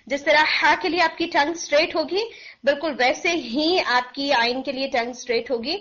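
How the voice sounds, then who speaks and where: Her voice high and fairly bright, a woman patiently teaches recitation pronunciation online, elongating sounds to show them. She's clearly nursing a sore throat, clearing it frequently, and the recording is dull and lo-fi.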